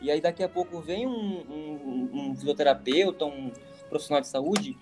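Animated man telling stories over faint music. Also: on the high side, moderate pace. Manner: animated, acts out quotes. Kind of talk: casual storytelling chat.

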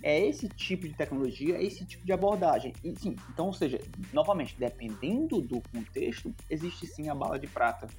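A man with a Brazilian accent co-hosts a casual tech podcast, laying out opinions emphatically in quick bursts of listing. His voice is on the high side, expressive and darkish, with soft music in the background.

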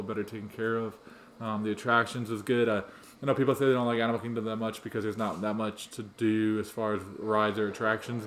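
A man's voice: fairly low pitch, a little hiss or hum. A man co-hosting a casual podcast, rambling through his thoughts with many ums and restarts. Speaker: podcast co-host. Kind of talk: casual chat.

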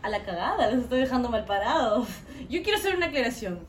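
Giggly young woman, high voice. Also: very animated, fast talker, slight background noise. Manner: laughs often, teasing banter. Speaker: podcast co-host. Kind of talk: casual chat.

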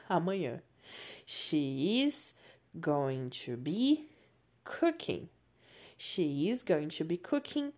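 A woman's voice: medium pitch, dark tone. Patient Brazilian woman teaching English. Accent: Brazilian Portuguese. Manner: explains patiently, repeats example sentences slowly. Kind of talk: podcast grammar lesson.

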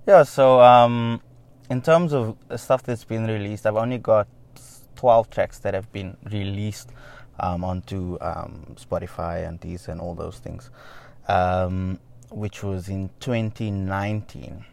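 A man's voice: on the low side, fairly even intonation, a little slow, gravelly, a little mellow. A man, a musician answering interview questions in a loose, rambling way with many fillers and the odd wry laugh. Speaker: musician guest.

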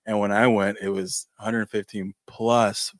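A man hosting a podcast, from Mexico, talking in a halting, casual way with many restarts. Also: fairly low pitch, flat delivery, no room sound, clean studio sound. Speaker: podcast host. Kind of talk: casual interview talk.

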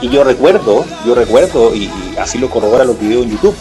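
Un hombre con acento chileno conversa de política en un pódcast, con muchas pausas y frases que se reinician. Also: male voice, medium pitch, lively intonation, over music. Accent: Chilean Spanish. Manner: rambling, many restarts and fillers. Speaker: political podcast co-host. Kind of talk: casual political chat.

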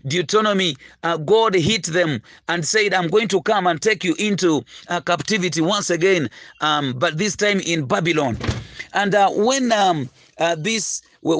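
High-voiced preacher, halting delivery. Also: male voice, no room sound. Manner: halting, with frequent fillers and repeated words; earnest, slows to stress key phrases. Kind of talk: recorded sermon teaching.

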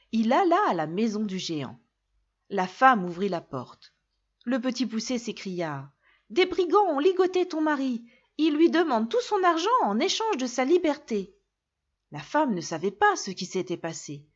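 A woman narrating a fairy tale in an expressive, clear storybook reading. The recording is dull and lo-fi. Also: mid-range voice.

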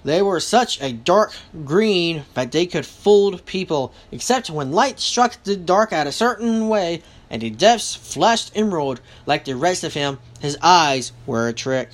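A woman reading a novel aloud with lively delivery, now and then stopping to correct herself. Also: lowish voice, unhurried, few pauses. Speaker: reader.

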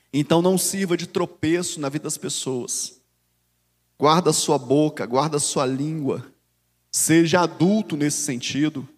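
Animated Brazilian preacher, high voice. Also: male voice, in a large hall. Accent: Brazilian Portuguese. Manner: animated and conversational, often calls listeners "dear". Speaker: bishop and preacher. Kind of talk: sermon.

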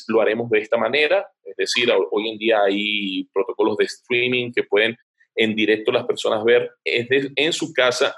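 This man's voice is mid-range with a fairly bright tone. He's an advertising director being interviewed, explaining his work at length and thinking aloud with plenty of hesitation.

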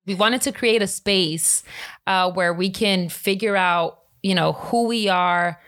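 A woman's voice: mid-range voice, takes it slowly, fairly bright tone. A young woman with a mid-range voice talks in an earnest, reflective way while co-hosting a casual podcast. She mixes Spanish into her English. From United States, Dominican parents. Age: young adult. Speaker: podcast co-host. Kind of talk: bilingual casual chat.

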